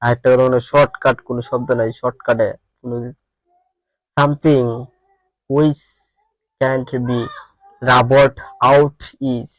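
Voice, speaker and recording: A man's voice: medium pitch, flat delivery, takes it slowly, pauses often, dry recording, poor audio. A man with a Bangladeshi accent teaching exam prep, reading quiz questions aloud and muttering answers to himself, repeating words as he thinks.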